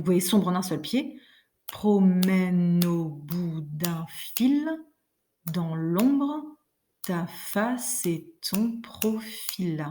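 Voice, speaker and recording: A woman teaching a French class in a recorded online lesson, explaining patiently with many fillers and reading verse slowly. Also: mid-range voice, dark tone.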